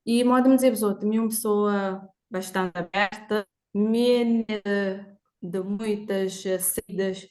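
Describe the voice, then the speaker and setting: A woman's voice: medium pitch, fairly even intonation, a little slow, darkish tone. Cheerful woman guest. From Portugal and Cape Verde. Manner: cheerful, spontaneous, rambling with many fillers. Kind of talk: live conversation.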